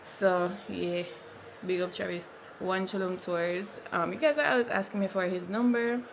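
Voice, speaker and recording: Jamaican woman vlogging with clear background noise. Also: mid-range voice, fairly even intonation, normal speed. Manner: informal, slipping into Patois. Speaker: lifestyle vlogger. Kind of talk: casual chatty vlog talk.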